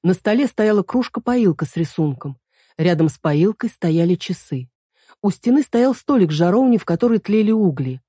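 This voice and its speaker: A woman calmly narrating an audiobook in an even reading manner. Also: on the low side, moderate pace, breathy edge, no echo, studio quality.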